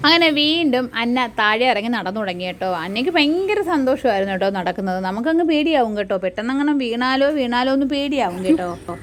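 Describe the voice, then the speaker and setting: A fairly high-voiced woman speaks a relaxed home-made vlog voice-over. She talks in an easy, chatty way and keeps turning to her listeners to check they are following. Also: quick pace, slight background noise. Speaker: vlogger and mother. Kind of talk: casual voice-over narration.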